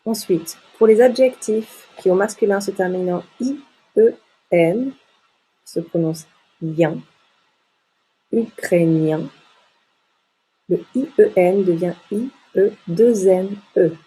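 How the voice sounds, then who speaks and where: Slow, mellow woman teaching pronunciation. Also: medium pitch, husky, soft background music, low-quality recording. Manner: repeats words slowly and distinctly, modeling pronunciation. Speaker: French language teacher. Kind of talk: slow, clearly articulated lesson for learners.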